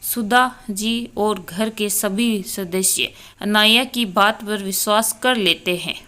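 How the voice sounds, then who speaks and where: A woman's voice: medium pitch, pushed and bright. A woman reading a family story aloud as narrator, announcing each character by name before their lines. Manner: unhurried storytelling delivery, voicing each character by name cue.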